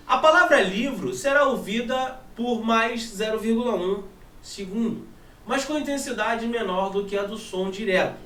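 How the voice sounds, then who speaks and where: Brazilian male teacher, high voice, animated, echoey room far from mic. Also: slight background noise. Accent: Brazilian Portuguese. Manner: animated, asks and answers his own questions. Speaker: physics teacher. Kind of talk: classroom lesson. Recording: echoey room from a distant mic, faint ambience.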